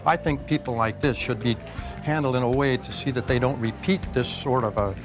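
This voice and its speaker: Halting, self-righteous man over clear music. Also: medium pitch. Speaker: litigant in TV court show.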